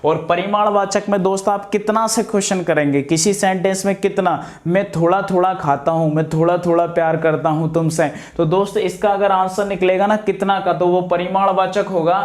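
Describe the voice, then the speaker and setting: A man teaching a grammar lesson for exam preparation, asking questions and answering them himself, drawing out key terms slowly and addressing viewers as friends. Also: sits high, fairly even intonation.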